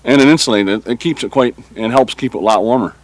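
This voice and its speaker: A man's voice: medium pitch, fast talker, dry recording, rough recording. A man with a Yooper accent from Michigan's Upper Peninsula, chatting casually in a folksy way as he shows someone around a camp. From Midland, Michigan. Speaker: deer camp member being interviewed.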